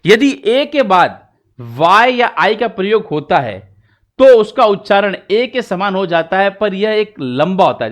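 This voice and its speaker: A male English teacher with an Indian accent leads a pronunciation lesson, switching between Hindi and English. His voice sits high, and he speaks very slowly. He draws out each example word. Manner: mixes Hindi and English, slow drawn-out example words.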